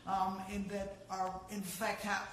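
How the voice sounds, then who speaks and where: Earnest panelist, stops and restarts a lot, high bright voice, very echoey hall. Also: male voice, monotone, a little hiss or hum. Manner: earnest, halting, searching for words. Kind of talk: panel discussion remarks.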